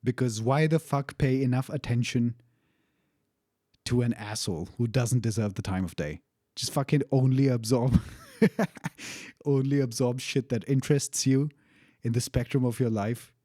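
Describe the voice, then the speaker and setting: A man's voice: mid-range voice, measured pace, pauses often, dark tone, dry recording, clean studio sound. A young man casually telling a personal story, candid and profane, laughing now and then. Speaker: storyteller recounting a travel experience.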